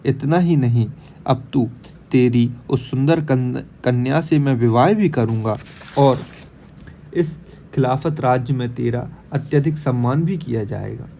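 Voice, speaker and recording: A man's voice: mid-range voice, a little slow, gravelly, warm tone. A man voicing a threatening, commanding adult cleric in an audiobook read-aloud, with faint noise behind. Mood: coaxing.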